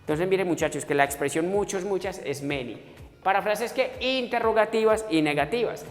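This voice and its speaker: A male English teacher with a high-pitched, slightly fast voice leads a recorded classroom lesson on grammar, going step by step. He warmly calls the students "muchachos" and voices their questions, while his words echo long in the room above faint music.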